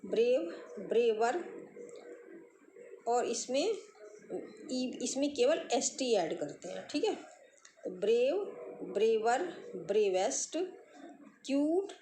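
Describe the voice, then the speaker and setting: Slow woman teaching grammar. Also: a little high, animated, warm tone. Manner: slow, spells words letter by letter, repeats "ठीक है". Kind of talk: grammar lesson for young pupils. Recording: echoey room with faint background noise.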